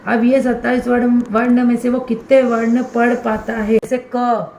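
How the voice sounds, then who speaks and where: A woman's voice: fairly high pitch, level tone, normal speed, mellow, roomy sound, a little hiss or hum. A woman primary school teacher explaining step by step how to fill in a student assessment workbook for fellow teachers. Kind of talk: instructional walkthrough for teachers.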